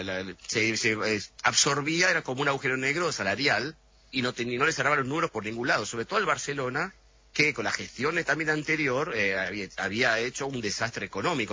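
A middle-aged man answering interview questions over a remote radio line, thoughtful and explanatory, often pausing to find his words. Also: mid-range voice, sharp tone, breathy edge, highs cut off. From Argentina. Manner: thoughtful, explanatory, frequent hesitations. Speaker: interview guest.

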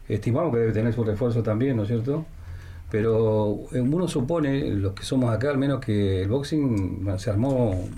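A man with an Argentine Spanish accent hosts a radio sports interview, his voice medium in pitch and dark in tone. He keeps things chatty, leaning on leading questions and filler words.

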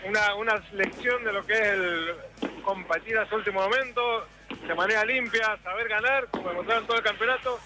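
A man's voice: high-pitched, fairly quick, over music. A man interviewed in the street as a fan, speaking emphatically and proudly.

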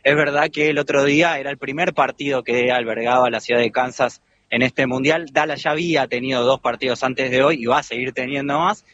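A man's voice: medium pitch, steady tone, a little fast, hardly any pauses, fairly bright tone, muffled recording, slight background noise. A man with an Argentine Spanish accent reporting live for radio from outside a stadium, describing the scene conversationally. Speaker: field reporter.

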